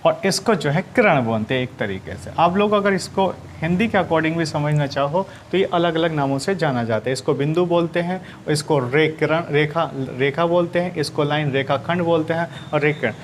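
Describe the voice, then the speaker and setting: A man's voice: fairly high pitch, normal speed, hardly any pauses, a little hiss or hum. A man teaching maths to schoolchildren in Hindi-accented speech, who asks questions, answers them himself and keeps repeating his points. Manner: often calls students "children". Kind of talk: classroom lesson to children.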